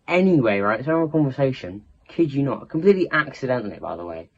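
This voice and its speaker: A man's voice: medium pitch, sing-song, moderate pace, a little mellow, husky. A teenage boy tells a storytime tale in a loose, chatty ramble. He trips over his own sentences and restarts them. The recording sounds slightly dull and lo-fi. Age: teens. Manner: rambling, self-interrupting, chatty. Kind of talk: casual storytime chat.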